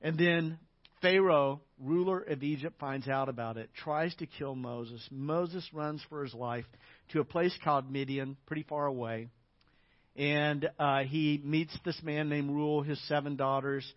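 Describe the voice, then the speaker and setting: A man preaching a storytelling sermon as pastor, talking conversationally with little anecdotes and fillers, then building up to louder emphatic passages. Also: a little high, fairly even intonation, unhurried, dry recording, lo-fi sound.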